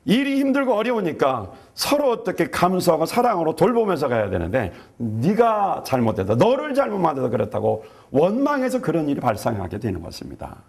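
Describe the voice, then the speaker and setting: A middle-aged pastor preaches with a lively voice that swings up and down. His tone is gravelly and a little husky, and he keeps asking rhetorical questions. He sits slightly above the usual male pitch. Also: fast talker, hardly any pauses. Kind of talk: sermon.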